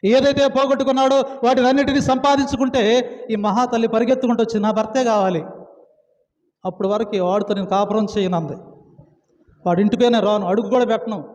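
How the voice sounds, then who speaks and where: High-voiced emphatic man preaching. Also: fairly even intonation, quick pace, darkish tone. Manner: emphatic, repeating phrases and asking rhetorical questions. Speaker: pastor. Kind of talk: sermon. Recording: echoey hall, dull lo-fi sound.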